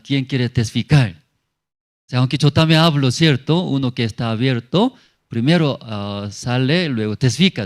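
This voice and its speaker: A male pastor giving a sermon testimony in simple, broken phrasing, often checking in with tag questions. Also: medium pitch. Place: church in La Paz.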